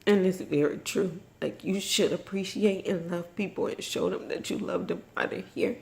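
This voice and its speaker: A woman vlogging in a personal, confessional way, emotional and tearful after crying, speaking haltingly and reflectively. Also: lowish voice, steady tone, creaky, a little mellow. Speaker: vlogger and mother. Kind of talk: personal, confessional vlog talk.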